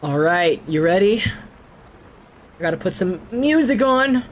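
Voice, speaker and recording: A man chatting casually on a live stream, excitable and jokey, laughing often. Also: sits high, slow, slight background noise. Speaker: streamer reading creepypastas.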